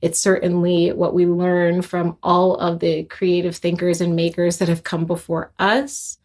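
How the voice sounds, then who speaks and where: Her voice sits on the low side with little pitch movement and a darkish tone, a bit slow. She's a young adult composer of Haitian heritage giving reflective interview talk, thoughtful but full of fillers and restarts.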